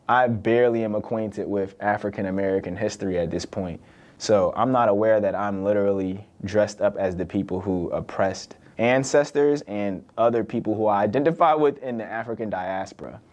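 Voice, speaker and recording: This young podcaster, UK-born and Virginia-raised, rambles through a casual monologue on his own, dropping "like" and "right?" constantly. He speaks in a lowish, darkish voice.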